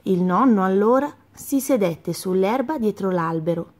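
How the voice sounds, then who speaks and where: A woman reads a children's picture story aloud in a clear, gently expressive way. Her pitch sits in a middle range for a woman. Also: measured pace.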